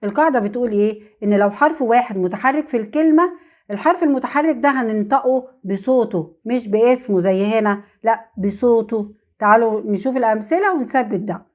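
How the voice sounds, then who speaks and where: Her pitch fairly high and her tone a little mellow, a woman with an Egyptian Arabic accent teaches an English vowel-rules lesson. She goes over example words slowly, repeating them, and raises questions only to answer them herself.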